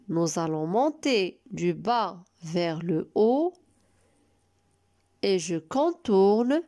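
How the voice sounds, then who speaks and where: A woman teacher giving a recorded lesson to young children, spelling out letters and syllables slowly and praising often. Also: mid-range voice, a little mellow. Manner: slow and carefully spelled out, encouraging. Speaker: preschool teacher.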